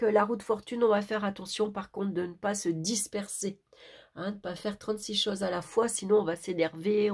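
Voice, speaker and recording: Casting: woman tarot reader, hoarse and soft-spoken from a sore throat, creaky, chatty explanatory delivery. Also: mid-range voice. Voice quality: husky, creaky. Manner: conversational, often ending phrases with tag questions. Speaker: tarot reader hosting a monthly horoscope. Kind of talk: casual explanatory card reading.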